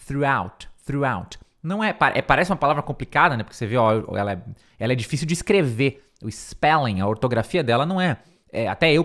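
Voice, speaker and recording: A man's voice: mid-range voice, a bit bright. Chatty Brazilian man teaching English. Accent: Brazilian Portuguese. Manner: chatty, repeats and drills English words slowly. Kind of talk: casual screen-share lesson.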